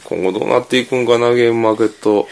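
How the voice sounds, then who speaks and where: Podcast host, male, Kansai accent: tipsy, rambling late-night chat, fast delivery with a gravelly low voice. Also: steady tone. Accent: Kansai Japanese.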